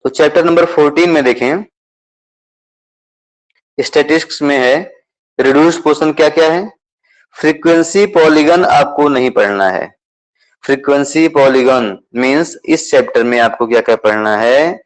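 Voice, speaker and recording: A man's voice: fairly high pitch, moderate pace, poor audio. Male math teacher, patient and repetitive, mixing English terms into Hindi, checking in with the class often. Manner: repetitive, checks understanding with questions. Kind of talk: explaining a syllabus to students.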